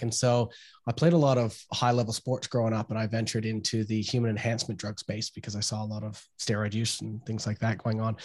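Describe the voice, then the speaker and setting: Casting: Canadian man in his thirties, even and flat in delivery, academic guest. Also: fairly low pitch. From Canada, Toronto area. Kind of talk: casual interview talk.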